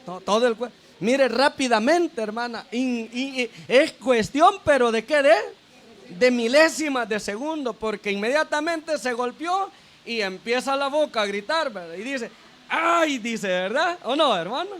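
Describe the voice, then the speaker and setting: A man's voice: very high voice, lively intonation, moderate pace, fairly bright tone. A deacon preaching a sermon, checking in with the congregation through repeated tag questions, calling them brother and sister, and restarting his phrases. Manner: addresses listeners as brother and sister.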